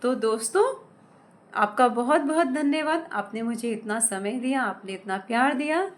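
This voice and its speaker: A woman teaching a grammar lesson, spelling words out slowly and carefully, asking questions and answering them herself. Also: fairly high pitch. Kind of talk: explaining lesson with examples.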